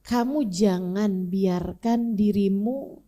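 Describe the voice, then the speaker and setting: A woman's voice: mid-range voice, takes it slowly, dark tone. A woman preacher tells a sermon story with feeling and addresses her listeners directly.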